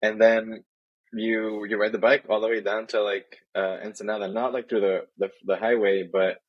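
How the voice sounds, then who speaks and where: Husky young man, rambling chat. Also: fairly low pitch, level tone, normal speed, highs cut off. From Tijuana and San Diego. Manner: rambling with many restarts and laughs. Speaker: podcast guest. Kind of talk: casual chat.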